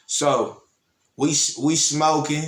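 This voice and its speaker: A man's voice: on the high side, steady tone, takes it slowly. A man from Toledo, Ohio, hosting his own show and casually telling stories from his life, rambling and laid-back, often checking in with the listener. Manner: rambling and laid-back, often adds "you know what I'm saying". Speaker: host. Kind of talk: casual personal storytelling. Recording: roomy echo.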